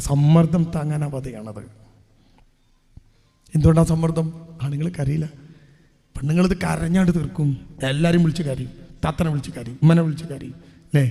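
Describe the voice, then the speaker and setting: High-voiced preacher in a reverberant hall. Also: male voice. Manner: preachy, full of rhetorical questions to the crowd. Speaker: Islamic preacher. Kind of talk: public religious speech.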